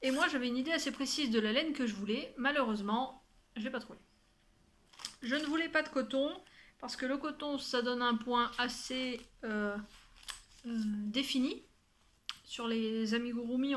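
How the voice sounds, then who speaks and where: A young woman with a fairly high voice chats casually to her viewers from home. She talks in a loose, friendly flow, full of fillers, restarts and asides to the listener. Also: fairly bright tone. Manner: chatty, many fillers and restarts, addresses listener directly. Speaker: knitting podcast host. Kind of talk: casual chat to camera.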